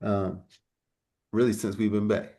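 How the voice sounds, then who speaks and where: A man's voice: fairly low pitch, level tone, a little slow, creaky, dark tone. A man teaching a casual live trading class over a video call. He talks in a loose, joking way and often repeats words as he restarts a thought. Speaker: trading instructor.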